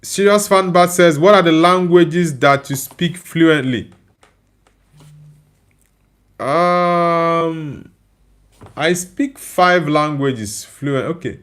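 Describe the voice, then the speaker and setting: Drawing out his words with long pauses, a man speaks in a fairly high, fairly bright, clean-toned voice. He's a tired livestream host with a Nigerian accent and Igbo as his first language, reading audience comments aloud and answering them in casual conversation.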